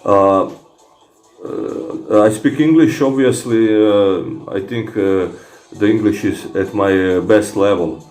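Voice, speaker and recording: A fitness vlogger, a native Croatian speaker with a Croatian accent, casually answers viewer comments, halting often with fillers and restarts. His voice is lowish and a little mellow, the sound is roomy, and faint music plays behind him.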